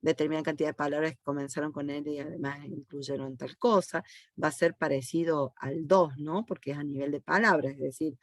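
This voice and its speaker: A university teacher with an Argentine Spanish accent patiently walks her online class through code step by step, often checking understanding with "¿sí?". Her voice sits low, recorded at studio quality with no room sound.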